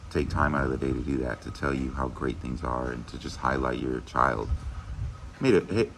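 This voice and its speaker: A very deep-voiced man talks to his staff in an easy, earnest way, leaning on "you know" as he goes. He sounds middle-aged and speaks like a school administrator. A faint hum runs under the recording. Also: moderate pace, gravelly. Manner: earnest, conversational, many "you know" fillers. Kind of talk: casual video message to teachers.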